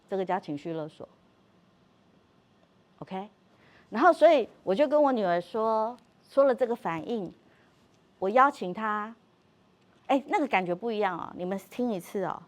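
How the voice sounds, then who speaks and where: Middle-aged woman, parenting workshop speaker, animated, acts out dialogue, frequent laughter. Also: mid-range voice. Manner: animated, acts out quoted dialogue, repeats words, laughs often. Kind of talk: lively parenting talk.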